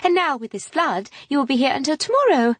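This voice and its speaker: Reading an audiobook, a woman voices a gushing, effusive young milliner who chatters in a high, sing-song voice. Her pitch swings widely and her pace is a little fast, and the recording is dry.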